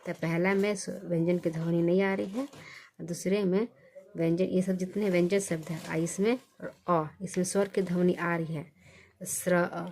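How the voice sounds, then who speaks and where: A woman teaching a basic reading lesson, asking questions and answering them herself, repeating each sound slowly. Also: on the low side, fairly even intonation, a little mellow, slight background noise.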